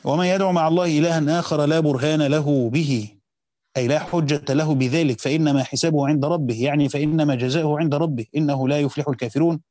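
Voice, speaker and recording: Reading and explaining a Quran commentary, an Egyptian teacher races through the classical text in a mellow, dark, fairly high voice with fairly even intonation. He slows into a conversational tone to explain grammar. The recording is dry and close-miked with no echo.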